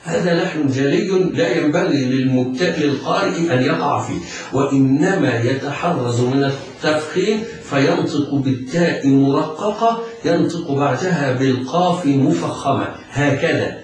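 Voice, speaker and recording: Man teaching recitation in a very echoey room. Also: fairly high pitch. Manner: patient step-by-step explaining, drawn-out chanted demonstrations. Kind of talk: tajweed lesson with recited examples. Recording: very echoey, distant mic, faint music.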